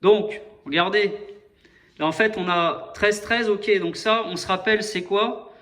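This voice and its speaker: Man, high-pitched, hesitant, restarts often, talks straight to viewers, explains while writing. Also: a little slow, pushed and bright. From France. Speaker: video host explaining number codes. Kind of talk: rambling explanatory monologue.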